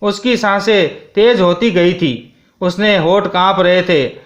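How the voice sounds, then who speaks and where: A man narrating an emotional story in a slow, even, dramatic reading. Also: high-pitched, reverberant, dull audio.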